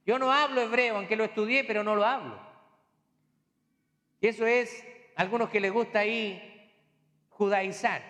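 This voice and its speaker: A man's voice: sits high, fairly even intonation, moderate pace, pauses often, fairly bright tone, big-room sound. A man preaching a sermon as pastor, explaining in a teaching tone with rhetorical questions and homely asides.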